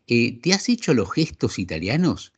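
A man with an Argentine Spanish accent asking an interview guest measured, thoughtful questions. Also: mid-range voice, very animated, slightly rough. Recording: dull lo-fi sound.

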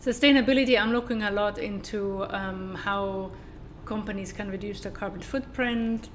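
Flat and even, her mid-range voice carries a German accent, with a little noise in the background. She's a southern German sustainability consultant guesting in a casual interview, halting as she talks, filling pauses and frequently starting sentences over.

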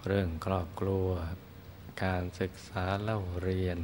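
A man teaching Buddhist meditation, guiding listeners gently and soothingly in short phrases with long pauses. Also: deep voice, flat delivery, slight background noise. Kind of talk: guided meditation instruction.

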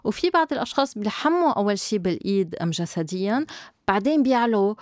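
A woman's voice: medium pitch, lively intonation, fast talker, darkish tone, no echo, studio quality. A woman with a Lebanese accent in a casual advice conversation, explaining things as a therapist co-host and dropping in English words. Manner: explanatory, mixing in some English and French loanwords. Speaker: sex therapist co-hosting an advice show.

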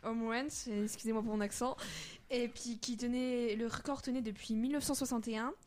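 A woman's voice: a little high, steady tone, fairly quick, a little mellow. Woman giving clues, lots of euh, a bit unsure. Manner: hesitant, short yes-no answers. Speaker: presenter of the quiz. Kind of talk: casual classroom quiz chat.

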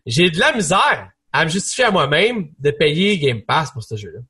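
A young man with a Quebec French accent, co-hosting a casual gaming chat, rambling and animated with many restarts. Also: fairly high pitch, normal speed, slightly rough. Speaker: podcast co-host.

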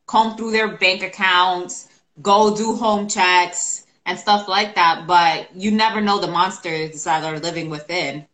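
Bright-voiced chatty woman on a video call. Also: fairly low pitch, steady tone, unhurried, poor audio. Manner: chatty, leans on "like", opinionated. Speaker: podcast co-host. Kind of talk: casual chat over a video call.

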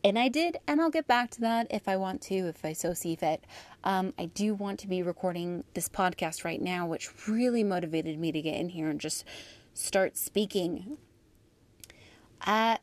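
A woman's voice: on the low side, a little mellow, no room sound. An American woman hosting a personal audio diary podcast, talking casually and candidly in an informal, chatty monologue with frequent asides.

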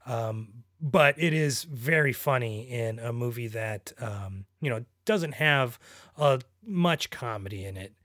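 A man's voice: mid-range voice, expressive, slow pace, fairly bright tone, no echo, studio quality. Hesitant man discussing a film. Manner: hesitant, many ums and restarts. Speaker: podcast co-host.

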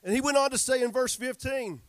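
High-voiced preaching pastor. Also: male voice, a little fast, smooth, dry recording, rough recording. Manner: preaching, paraphrasing scripture with emphatic repetition. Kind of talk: sermon.

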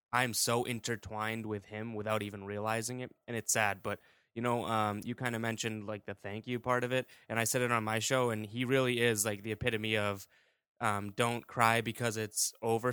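A man's voice: on the low side, sharp tone, clear, resonant tone, no echo, clean studio sound. A man talking casually as a guest on a sports podcast, often dropping in "like" as he goes. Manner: peppers speech with "like".

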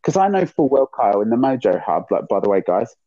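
A man co-hosts a podcast, ranting casually in a rambling, exasperated way and swearing now and then. His medium-pitched voice is mellow and very animated, and he talks fast. The recording is dull, lo-fi and dry, with no room sound.

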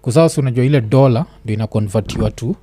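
A man's voice: mid-range voice, very fast, warm tone. A man with a Kenyan accent in a casual chat, slipping between slang and English and often repeating himself in agreement.

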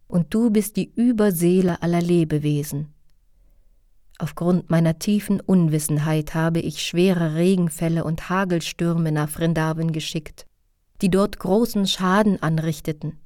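A repentant king of the heavens pours out a humble, pleading prayer, as a woman reads him aloud. The voice sits low and mellow, recorded dry and close in a storybook reading. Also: no room sound, lightly acted.

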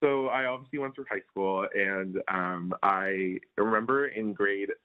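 A man's voice: lowish voice, a little slow. A man in his early twenties from India, answering interview questions in a rambling casual way full of fillers. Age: early 20s. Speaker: guest. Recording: phone-like remote call audio.

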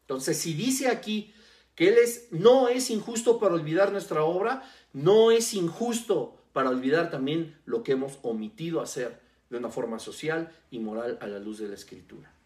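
A preacher delivering a sermon, stressing key words by slowing down and repeating them. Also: medium pitch, animated, darkish tone. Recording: roomy echo.

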